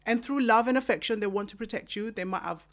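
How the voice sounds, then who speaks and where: A woman in her thirties, from Kenya, telling her life story as an author in an interview, with emphatic, animated delivery and acted-out quotes. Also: on the high side, fast. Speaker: author and guest.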